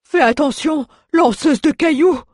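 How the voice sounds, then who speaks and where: A woman's voice: fairly high pitch, moderate pace, darkish tone, husky, no room sound, clean studio sound, voice pushed up. A woman reader voicing a male dwarf who talks bluntly and with exclamations. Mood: gruff. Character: gruff male dwarf warrior.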